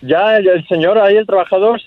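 A man's voice: high voice, a little fast, dry recording. A man calling a radio show to tell a joke, stammering a little and acting out knocks and sounds. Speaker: caller. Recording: dull dry lo-fi line.

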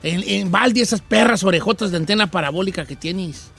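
A man's voice: high voice, fairly quick, creaky, pushed and bright, slightly rough, soft background music. A man hosting a comic news show, reading stories and teasing his co-hosts.

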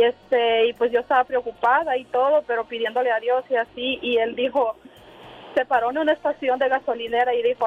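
A woman from Honduras calls in by phone from a moving car, telling a personal story full of hesitant fillers. Her voice sits high, and the tinny phone line carries slight background noise.

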